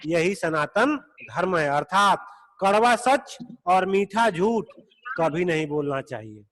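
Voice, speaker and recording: A man teaching a Sanskrit class over a video call, explaining slowly and patiently, repeating each point. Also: sits high, expressive, a bit bright, slight background noise. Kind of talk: online class lecture. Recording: long echoey reverb.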